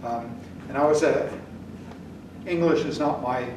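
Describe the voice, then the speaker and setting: Using a measured pace and a mid-range voice, an older lecturer whose native tongue is German explains statistics at the whiteboard. He stays blunt and informal, regularly making sure the class is following. The camera recording from the back of the room sounds distant, echoey, and noisy.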